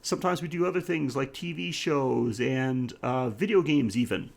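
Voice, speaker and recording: A podcast co-host with a gravelly, mid-range voice chats casually at a moderate pace through the show's sign-off and listener plugs.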